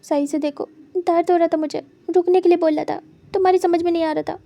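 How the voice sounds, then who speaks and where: A petulant young man, sore and indignant, snaps in a high, sharp voice, as a woman narrator puts him on. His complaints come in loud, shrill bursts, tight and narrow in their rise and fall, with a mellow, softened tone under the heat. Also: steady tone, normal speed, dry recording.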